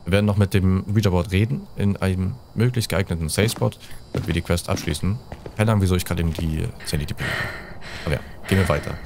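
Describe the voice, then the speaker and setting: A let's play streamer in his thirties talks fast in a low voice, giving casual game commentary peppered with gamer slang and English phrases. He sits indoors close to a desk microphone, with some background noise audible.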